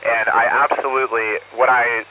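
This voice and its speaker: A man answering students' questions from an orbiting space station over a crackly radio downlink, earnest and measured, signing off each answer with 'over'. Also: mid-range voice, level tone. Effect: crackly space-to-ground radio downlink. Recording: dull radio link with faint static hiss.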